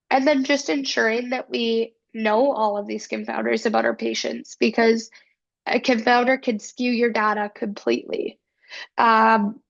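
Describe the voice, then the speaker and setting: Her voice fairly high and creaky, a woman who has a cold delivers an informal academic presentation as a student. The audio is muffled, and she speaks earnestly, leaning on frequent filler words.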